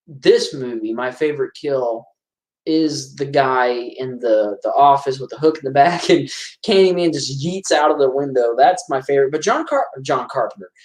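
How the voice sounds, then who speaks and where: A man's voice: mid-range voice, darkish tone. Chatty man in a roomy room. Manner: rambling, chatty, self-correcting. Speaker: host of a movie commentary stream. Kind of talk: casual live-stream movie commentary. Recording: roomy echo.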